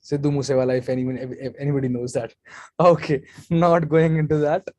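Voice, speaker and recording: A man's voice: mid-range voice, fairly even intonation, brisk, mellow, dry recording. Chatty man giving webinar advice. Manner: casual, chatty, off-the-cuff advice. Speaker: guest speaker at an online security meetup. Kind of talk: live webinar talk answering chat questions.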